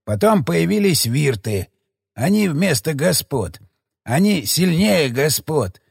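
A man voicing a frightened, very old male elder who talks in hushed, halting phrases in an audiobook. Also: a little high, sing-song, gravelly, slightly rough, no echo, studio quality, full character voice. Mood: somber recounting. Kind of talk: audiobook character voice.

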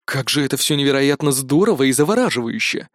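A man narrating an audiobook in a lively, ironic storytelling manner. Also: medium pitch, quick pace, no echo, studio quality. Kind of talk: audiobook reading.

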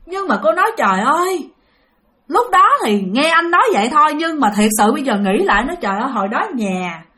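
A woman's voice: sits high, animated, sharp tone. A woman telling a spooky story to her listeners, dramatic and talking straight to them, her pace rising and falling. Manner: dramatic, speeds up and slows down, addresses listeners directly. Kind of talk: spoken ghost story told to an audience.

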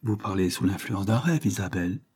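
A dignified husband speaks gently and gravely, as a male reader voices him. His husky voice has a warm, mellow color. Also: medium pitch, expressive, a little fast, voice pushed up. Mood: earnest.

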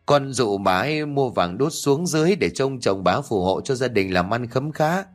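A man voicing a brash, greedy young male schemer who talks in an excited, wheedling way. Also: medium pitch, moderate pace, faint music behind, close to an everyday voice.

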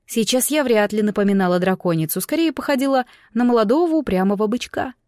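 A woman narrating a fantasy novel in the first person, with expressive storytelling. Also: on the high side, fast, no echo, studio quality. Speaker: audiobook narrator.

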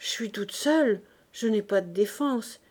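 A woman's voice: on the high side, lively intonation, normal speed, warm tone. Woman playing a plaintive, whiny aunt, slightly raised voice, audiobook. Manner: whining, self-pitying. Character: plaintive resentful middle-aged aunt.

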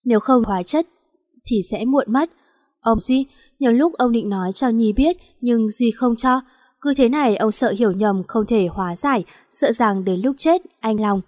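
A woman voicing a weary old doctor who speaks gravely and with resignation. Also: fairly high pitch, normal speed, darkish tone, lightly acted. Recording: long hall reverb.

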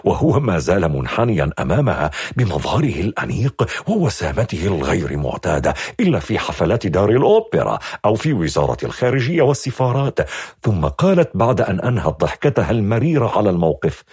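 A man reading a story aloud as scripted narration, in a lively, expressive way. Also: low-pitched, brisk, husky, no echo, studio quality.

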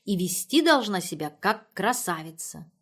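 Woman voicing a brisk, bossy mother. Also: medium pitch, very animated. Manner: brisk, commanding. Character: caring bossy middle-aged mother.

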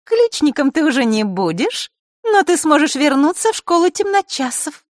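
A woman's voice: high-pitched, big pitch swings, normal speed, no echo, studio quality, voice pushed up. A woman voicing a sly, mocking teenage girl in an audiobook, with a sing-song, taunting delivery. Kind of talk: audiobook character reading.

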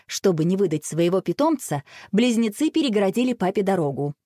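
A woman narrating a children's audiobook in an expressive storytelling manner. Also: mid-range voice, brisk, no room sound, studio quality.

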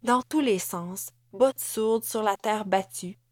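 Slow, deliberate woman narrator. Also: mid-range voice, no echo. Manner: measured, deliberate reading. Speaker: audiobook narrator. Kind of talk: scripted narration.

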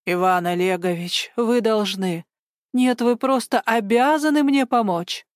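A woman voicing a stubborn, bossy elderly woman activist who talks insistently and turns shrill when she pushes. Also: measured pace, no room sound, studio quality, close to an everyday voice. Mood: demanding.

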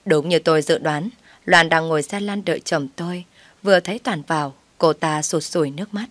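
A woman narrating a dramatic first-person story in a brisk, plain way. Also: low voice, dry recording.

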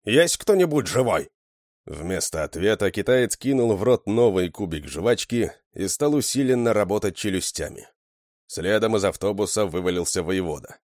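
A man with a very low voice narrates a story in steady, scripted style. His reading is even and measured. The sound is close and dry. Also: no echo. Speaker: audiobook narrator.

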